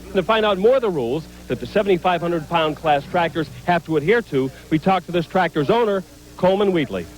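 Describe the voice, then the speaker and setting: A man with a fairly high voice reports from the pits of a motorsport event. He presents and interviews in a broadcast sports reporting style. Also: animated, fast talker, a little hiss or hum, rough recording.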